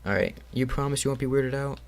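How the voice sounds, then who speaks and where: A man's voice: mid-range voice, fast, vocal fry, voice pushed up, lightly acted. A man voicing a shy, stammering young woman. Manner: hesitant, stammering. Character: shy nervous young woman, soft-spoken.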